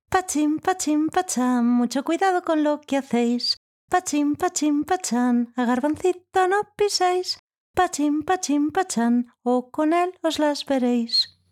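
A woman voicing a tiny, brave little boy in a children's story, with a high, slow, sing-song child voice. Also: expressive. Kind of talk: storybook acting.

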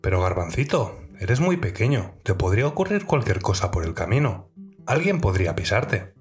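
Worried protective dad in a kids' story, low gentle voice, man reading. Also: big pitch swings, moderate pace, faint music behind.

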